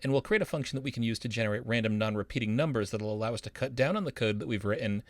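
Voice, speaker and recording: Talking very fast in a medium-pitched voice, a university professor walks viewers through a coding tutorial. His instructional tone is upbeat and encouraging, with no echo in the recording.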